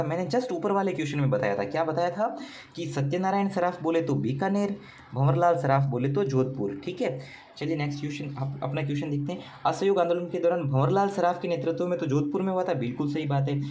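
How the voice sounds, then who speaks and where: A man teaching as an exam coach, talking quickly and firing questions at his students that he answers himself. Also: on the high side, a little mellow, a little hiss or hum. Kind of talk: exam paper solution lesson. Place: coaching class recording.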